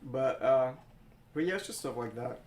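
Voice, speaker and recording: A man's voice: medium pitch, expressive, moderate pace, a little mellow, a little hiss or hum. Echoey man chatting. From Mississippi, United States. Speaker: drag queen guest being interviewed. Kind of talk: casual interview chat. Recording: echoey room sound.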